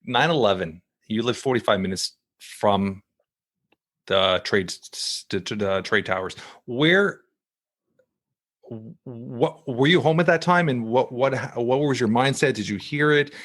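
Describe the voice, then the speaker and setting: A man hosting a podcast in casual conversation, eager and asking quick follow-up questions. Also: medium pitch, a bit bright. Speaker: podcast host.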